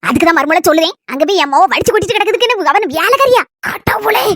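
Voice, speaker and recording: A woman's voice: very high-pitched, lively intonation, rapid-fire, no room sound, studio quality, heavily acted. A young woman acting a nosy, scolding old village mother-in-law in a comedy sketch, speaking with a Kanyakumari Tamil accent. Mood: boastful. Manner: nosy, loud, complaining.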